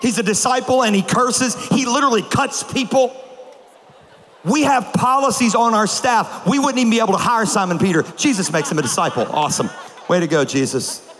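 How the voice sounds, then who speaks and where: A high-pitched male preacher delivers a comedic sermon in a large auditorium, telling stories with animated energy and sudden shouts. His voice rings out with a long hall echo over a faint hum of ambience. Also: a little fast. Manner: animated storytelling with bursts of shouting. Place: large auditorium with a live audience.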